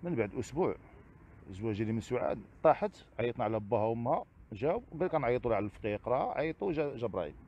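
Rapid-talking Moroccan man, repetitive. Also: medium pitch, sing-song, lo-fi sound. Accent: Moroccan Arabic. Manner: repetitive, halting, keeps circling back to set phrases. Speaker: interview guest, father seeking custody. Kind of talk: spontaneous interview answers.

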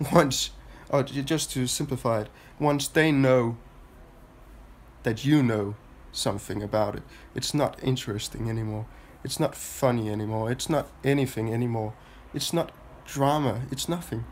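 A man in his twenties from Denmark, medium-pitched with a Danish accent and a cold-stuffed nose, vlogs a rambling personal monologue to camera, halting and restarting with plenty of filler sounds. He records on a phone held at arm's length in a small room.

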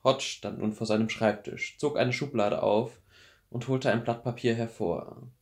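A man in his twenties calmly reading a novel aloud as a bedtime audiobook. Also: mid-range voice, measured pace. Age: 20s. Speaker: audiobook reader.

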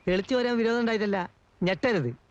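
A cheeky house servant who is full of sly warnings. His voice is high, and the dull, dry sound is typical of an old film soundtrack. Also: animated, quick pace, dry recording. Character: cheeky middle-aged man who works in the house. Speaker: film character. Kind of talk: 1980s film comedy acting.

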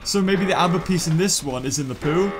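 A young British man giving casual gameplay commentary in a goofy, jokey, excitable way. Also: a little high, a little fast, over music. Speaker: gaming YouTuber.

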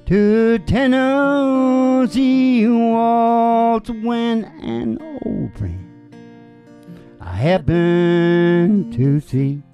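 In a lo-fi recording of a live acoustic country show with guitar, the host jokes around casually between songs and also sings. The voice is mid-range and dark in tone, moving very slowly with lively, animated intonation.

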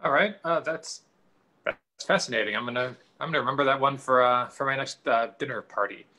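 A man's voice: mid-range voice, a little fast, noisy background. A man hosting an online talk night over a video call, upbeat and chatty with lots of fillers. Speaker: host. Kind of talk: hosting a virtual talk show.

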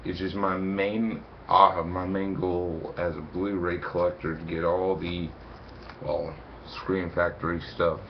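A man's voice: deep voice, level tone, gravelly, slight background noise. Young man rambling into a webcam. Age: young adult. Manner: rambling, repeats words, reads blurbs haltingly. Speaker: video reviewer. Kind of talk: casual to-camera review. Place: small room indoors. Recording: dull lo-fi webcam sound.

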